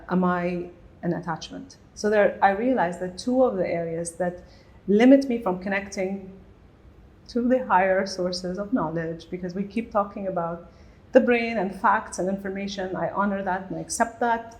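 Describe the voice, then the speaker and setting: Animated storytelling woman podcast guest. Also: mid-range voice, rough recording. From Bahrain. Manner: animated storytelling, acting out inner dialogue. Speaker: guest entrepreneur. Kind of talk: podcast interview.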